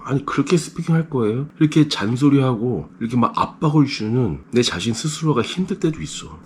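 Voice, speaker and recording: A man teaching for an English speaking test, talking to camera in an emphatic monologue that swings from soft asides to loud bursts. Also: fairly low pitch, slight background noise.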